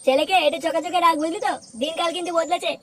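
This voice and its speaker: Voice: very high-pitched, little pitch movement, very fast, slight background noise. A performer voicing a nosy, preachy neighbour man who tells tales about a boy. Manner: gossiping, preachy advice. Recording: loud background music.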